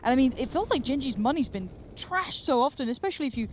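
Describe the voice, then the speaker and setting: British female host, bright high animated read, game sounds behind. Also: fast talker, noisy background. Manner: expressive, swings to exclamations. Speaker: esports host. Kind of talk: casual broadcast chat.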